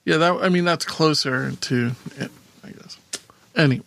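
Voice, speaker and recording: A man's voice: fairly high pitch, normal speed, creaky, fairly bright tone, slight background noise. A man co-hosting a casual TV rewatch commentary, chatting in a joking, rambling way. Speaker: co-host of a TV rewatch show.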